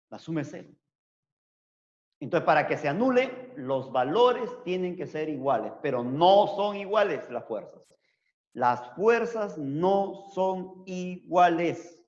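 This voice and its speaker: A man teaching physics, walking through each step and tossing in rhetorical checks on his listeners. His voice sits a little high for a man. The sound is dull and lo-fi, with a long hall-like reverb. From Peru. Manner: explains step by step, asks rhetorical tag questions. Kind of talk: lecturing an online class.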